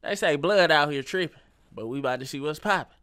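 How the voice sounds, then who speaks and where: A man's voice: a little high, fast talker, noisy background. A young man hosting a casual celebrity gossip commentary video, talking loosely with lots of slang straight at the viewer. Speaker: YouTube commentary host.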